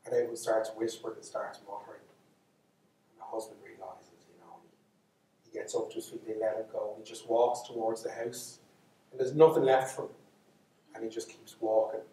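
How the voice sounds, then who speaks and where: An Irish man telling a folk tale to a live audience, with dramatic swings between loud and hushed. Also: on the low side, a little hiss or hum. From Ireland. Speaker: storyteller. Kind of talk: live storytelling lecture. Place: lecture hall. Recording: echoey hall from far off.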